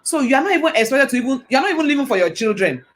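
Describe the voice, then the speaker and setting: A woman's voice: high-pitched, rapid-fire. Enthusiastic woman hosting. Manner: enthusiastic, affirming, animated. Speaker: host. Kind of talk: hosting a live online talk show.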